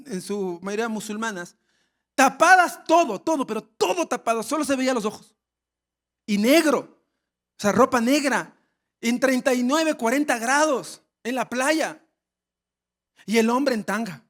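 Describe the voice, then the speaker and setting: A male pastor preaching a sermon, telling a funny story with lively acted shouts. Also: extremely high pitch. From Ecuador. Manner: storytelling with humor and animated shouts.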